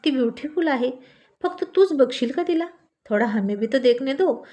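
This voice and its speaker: A woman voicing a cocky young man who loudly taunts a couple in a cafe. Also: sits high, expressive, moderate pace. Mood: mocking. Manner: mocking, loud taunts.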